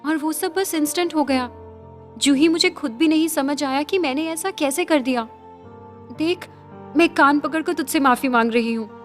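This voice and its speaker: A woman voicing a stubborn young college woman who speaks in a soft, pleading, hushed way. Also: high-pitched, normal speed, soft background music, natural voice.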